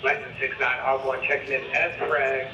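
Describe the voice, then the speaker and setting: A man speaking as a military pilot in clipped radio calls, relayed over loudspeakers. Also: medium pitch, flat delivery, normal speed, highs cut off, noisy background. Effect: aircraft radio relayed over loudspeakers. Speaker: military pilot in an airshow demonstration. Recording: echoey radio relay with music behind.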